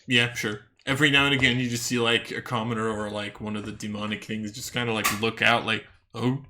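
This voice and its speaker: A man runs a tabletop game with a bright, ringing voice. He narrates in a loose, casual way. He swears now and then. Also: fairly low pitch, level tone, a little fast, a little hiss or hum. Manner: casual, laughs often, swears. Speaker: game master.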